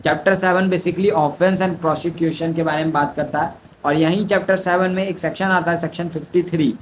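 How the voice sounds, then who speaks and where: A man's voice: high-pitched, a little hiss or hum, low-quality recording. A young man tutors exam students in law, explaining step by step and answering his own questions. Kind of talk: exam revision lecture.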